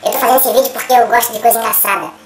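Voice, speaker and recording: A boy in his bedroom pushing his voice into a disguised deep tone, goofy and joking. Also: fairly even intonation, rapid-fire, echoey room. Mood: playful. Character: boy faking a deep grown-up voice. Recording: loud background noise.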